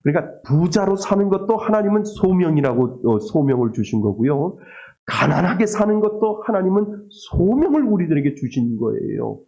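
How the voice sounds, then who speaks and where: A man's voice: sits high, very animated, moderate pace, creaky, hardly any pauses, warm tone, highs cut off. A man preaching a sermon as a pastor, asking the congregation questions and acting out prayers and God's replies. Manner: asks the congregation questions and acts out quoted prayers.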